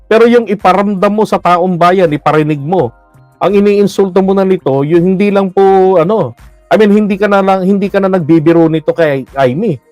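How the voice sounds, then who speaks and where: A man's voice: sits high, normal speed, a little mellow, no echo, faint music behind. A man giving blunt, mocking political commentary in a casual livestream, laughing often and using many fillers.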